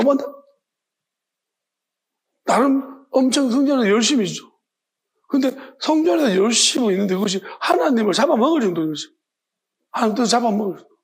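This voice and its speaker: A man's voice: extremely high pitch, breathy edge. A male pastor, preaching an evening sermon with emphatic rhetorical questions. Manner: emphatic, rhetorical questions, acts out imagined voices.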